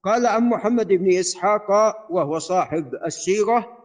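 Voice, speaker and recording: A man teaching a hadith class as sheikh, explaining in a measured way and reciting set formulas in a lowered voice. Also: darkish tone.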